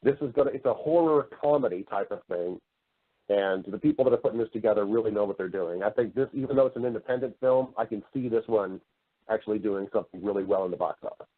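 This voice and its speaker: A fast-talking man with a fairly low voice, an actor and voice-over artist, chats as an interview guest. Talkative by nature, he explains things at length with anecdotes, and the line sounds narrow and lo-fi, like a phone.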